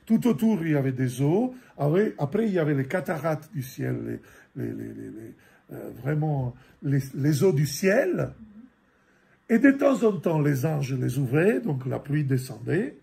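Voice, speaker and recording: Slow, gravelly priest teaching scripture. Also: male voice, on the high side, very animated, warm tone. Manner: slow, halting, repeats words, many fillers. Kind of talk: catechism lesson reading and explaining scripture.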